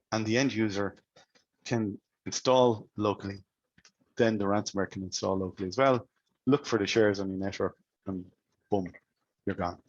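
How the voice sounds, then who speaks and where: A cybersecurity presenter with an Irish accent gives a webinar on security, firing rapid questions at the audience and often restarting his sentences. His voice is fairly low, and the recording is dry and lo-fi.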